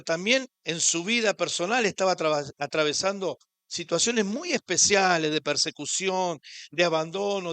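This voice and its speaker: A high-voiced man with an Argentine Spanish accent, preaching in church as a pastor. His delivery is impassioned and climbs on each rhetorical question. The sound is dry and close, with little room echo. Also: sharp tone. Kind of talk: sermon.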